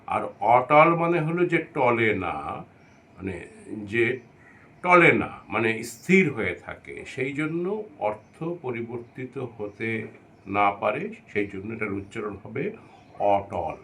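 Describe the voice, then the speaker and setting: A man's voice: medium pitch, a bit bright. A man giving a lesson on correct pronunciation, speaking carefully and repeating each word to model it. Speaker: pronunciation teacher. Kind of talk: instructional talk on pronunciation.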